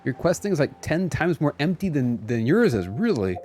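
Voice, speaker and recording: Streaming a game, a man keeps up relaxed, playful banter with his viewers and exclaims a lot. His voice is a little high and slightly mellow, sing-song in its delivery, at a normal speed, with game music in the background.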